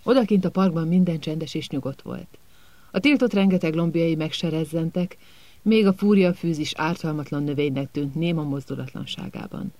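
A man narrating an audiobook in a calm, measured storytelling manner. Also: on the high side, no echo.

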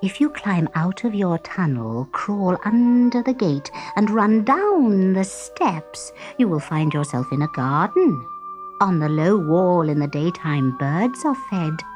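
A woman voicing a sly female cat who whispers and coaxes slowly in a storybook reading. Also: lowish voice, very animated, darkish tone, faint music behind, pitched below the performer's own voice. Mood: coaxing. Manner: whispering, coaxing.

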